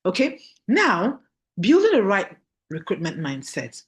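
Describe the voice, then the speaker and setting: A woman's voice: medium pitch, wildly swooping pitch, unhurried. A woman with a Nigerian accent giving a motivational training talk, emphatic and repeating key phrases while checking that listeners follow. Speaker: business trainer.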